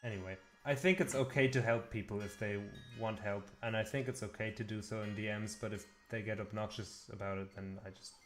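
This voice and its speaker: A man streaming live game development, chatting casually and thinking aloud in a hesitant, soft-spoken way. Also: on the low side, steady tone, a little fast, few pauses, soft background music. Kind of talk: casual chat while working.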